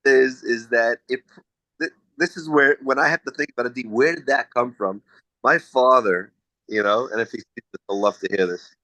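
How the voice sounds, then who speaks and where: A man's voice: mid-range voice, normal speed, pushed and bright, no room sound, poor audio. Chatty American man, dry close sound. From United States. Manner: chatty, storytelling, with frequent restarts. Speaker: singer being interviewed. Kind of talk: casual interview answers.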